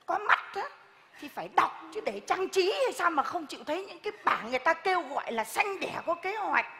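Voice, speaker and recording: Woman doing a high, lively, bossy village busybody, scolding loud, echoey stage hall. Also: brisk, a little hiss or hum, heavily acted. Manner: scolding, lecturing, loud and exaggerated. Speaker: comic stage actor. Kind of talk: live stage comedy skit. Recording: reverberant live stage hall.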